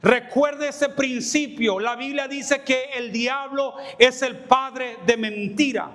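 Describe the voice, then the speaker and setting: A pastor preaching a passionate sermon, acting out the voices of people he quotes and rising at times to a shout. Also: extremely high pitch, steady tone, slow pace.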